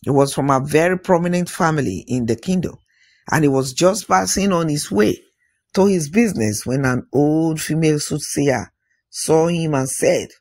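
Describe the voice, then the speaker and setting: An oral storyteller with a husky, fairly high-pitched voice narrates an African folktale. He uses dramatic phrasing, pauses, and musing interjections.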